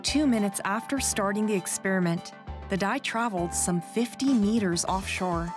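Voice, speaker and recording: Calm woman narrating a documentary. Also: medium pitch, moderate pace. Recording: voice-over with music bed.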